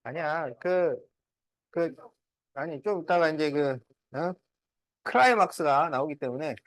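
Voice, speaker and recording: A man's voice: fairly high pitch, animated, measured pace, fairly bright tone, dry recording. A man teaching a class math, working through problems step by step and often checking whether students follow. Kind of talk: classroom lesson.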